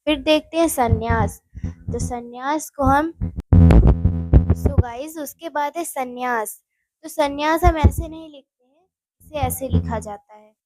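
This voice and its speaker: High-voiced woman teaching Hindi spelling. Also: a little slow, over music, rough recording. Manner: explains step by step, addresses viewers as guys. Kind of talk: spoken exam-prep lesson.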